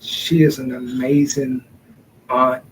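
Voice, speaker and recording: A man co-hosting a podcast in a laid-back, joking way, speaking slowly. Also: mid-range voice, level tone, slight background noise, rough recording. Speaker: podcast co-host. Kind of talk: casual podcast chat.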